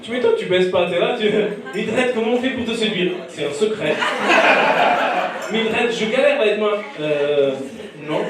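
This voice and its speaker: During dinner service at a comedy club, a man does live stand-up crowd work, teasing and bantering with diners. His voice is high-pitched and expressive at a measured pace. The recording is very noisy, echoey, and captured with a distant mic, with the audience audible.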